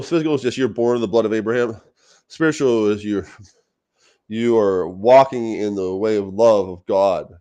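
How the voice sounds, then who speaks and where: A man's voice: lowish voice, darkish tone. A man in a casual vlog, rambling through a Bible passage while eating and repeating words. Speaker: vlogger.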